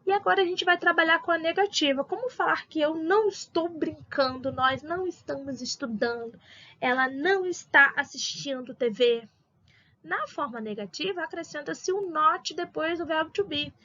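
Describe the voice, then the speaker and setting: A woman teacher with a Brazilian Portuguese accent, patiently explaining grammar step by step with slow examples. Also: high voice, bright, forceful tone, dull audio. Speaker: English teacher. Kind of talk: recorded grammar lesson for adult school.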